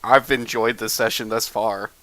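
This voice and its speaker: A man's voice: lowish voice, fairly even intonation, moderate pace, pushed and bright, no echo. A man running a tabletop game, chatting casually with his players after the session, easygoing and self-deprecating with many fillers. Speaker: game master. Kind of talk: casual post-game chat.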